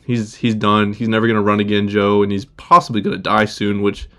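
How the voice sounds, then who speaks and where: A man with a fairly low voice talks in a casual, conversational way. He thinks aloud and hedges as he goes, keeping the wording loose and informal. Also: monotone, brisk, bright, forceful tone. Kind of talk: casual political chat.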